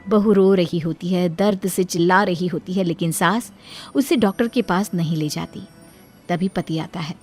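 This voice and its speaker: A woman's voice: on the low side, normal speed, faint music behind. Woman narrating a cartoon story.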